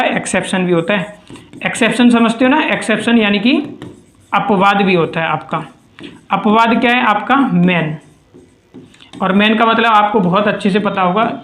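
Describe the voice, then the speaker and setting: A man's voice: high voice, a bit bright. A man teaching English grammar in a patient, repetitive way. He keeps quizzing his students and checking in with "okay?". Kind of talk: classroom lecture. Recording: echoey room.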